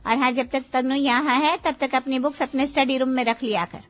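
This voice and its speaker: A woman's voice: high voice, fairly even intonation, a little fast, highs cut off, close to an everyday voice. A woman voicing a middle-aged mother who scolds and dotes on her children in a cartoon. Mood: scolding.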